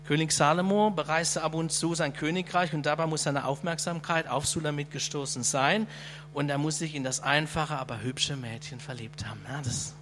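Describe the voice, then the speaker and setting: Male preacher, lightly raised pitch, casual sermon style, keeps asking the congregation "right?", faint hum behind. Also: fairly even intonation, normal speed, fairly bright tone. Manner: conversational, with frequent "ja?" to the audience.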